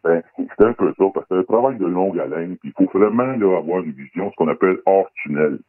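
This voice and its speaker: Man with a disguised, very deep voice. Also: expressive, brisk, slightly rough, no echo. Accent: Québécois French. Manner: guarded, hesitant, many fillers. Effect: voice electronically disguised, pitched very deep. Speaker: anonymous guest, former undercover federal police agent. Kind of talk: radio talk show interview. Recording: dry, phone-like band-limited sound.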